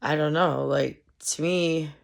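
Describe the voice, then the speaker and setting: Brief: congested woman vlogger, monotone and gravelly, halting ramble full of fillers. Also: sits low. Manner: halting, meandering, heavy with fillers. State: stuffed up, congested. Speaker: solo commentary vlogger. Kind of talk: casual rambling monologue.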